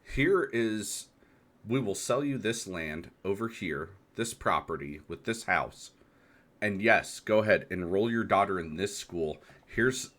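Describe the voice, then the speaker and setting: Alone on the mic, a thirtysomething American podcast host muses hesitantly and reflectively, asking rhetorical questions. His voice is low with a fairly bright tone.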